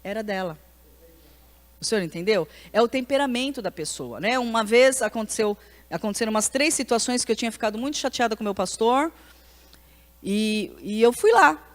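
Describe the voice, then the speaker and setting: A woman's voice: fairly high pitch, moderate pace. A woman pastor with a Brazilian accent teaching an informal church class, talking frankly and conversationally, often asking "né?" and restarting her sentences. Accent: Brazilian Portuguese. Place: church hall with a live audience. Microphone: handheld microphone. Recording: long church-hall reverb.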